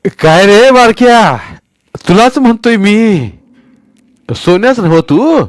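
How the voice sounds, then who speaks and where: Booming old village landowner, gruff and teasing, raised high and loud, read by a male storyteller; dry storybook sound. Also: lively intonation, slow, dry recording.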